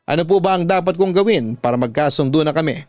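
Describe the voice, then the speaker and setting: A Filipino man with a fairly high voice hosts a radio story show, reading letters as dramatic first-person narration and giving advice. He talks fast with lively, slightly mellow intonation. The recording is close and dry with no room sound, and faint music plays behind him.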